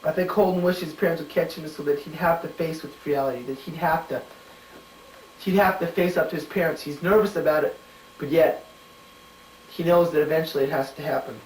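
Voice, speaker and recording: A man giving casual spoken answers to study questions, halting and full of "you know" and "um", thinking aloud as he searches a book. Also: fairly high pitch, slight background noise. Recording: roomy home recording from a distant mic.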